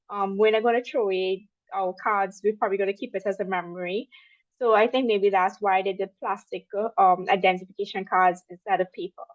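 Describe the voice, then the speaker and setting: A woman's voice: medium pitch, dry recording, highs cut off. A young woman from Trinidad and Tobago with a Trinidadian accent, giving a chatty, conversational webinar presentation with frequent ums and asides. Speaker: webinar speaker.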